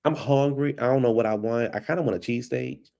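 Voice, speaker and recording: At home at his computer, a vlog host with a stuffed-up nose and a voice that's fading chats on his own in a rambling, easygoing way, calling listeners "baby." He's a fast talker with a medium-pitched, mellow voice marked by vocal fry.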